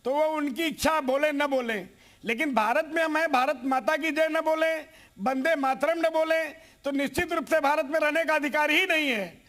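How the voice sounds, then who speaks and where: A man lecturing forcefully as a panelist in a TV news debate. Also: extremely high pitch, fairly even intonation, moderate pace.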